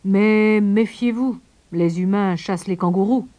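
A woman voicing a cautious, helpful emu who warns slowly. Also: medium pitch, warm tone, close to an everyday voice.

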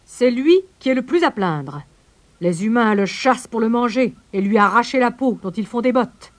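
A woman's voice: on the high side, animated, normal speed, voice pushed up, natural voice. A woman voicing a fussy male pelican presiding over a trial, declaiming in a raised voice. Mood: pompous.

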